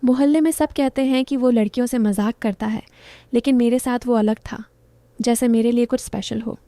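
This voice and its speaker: A woman confides a romantic story in the first person, her voice fairly high yet soft and mellow. The sound is close and dry, with no room around it. She talks as if sharing a secret with a friend. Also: fairly even intonation, moderate pace, dry recording.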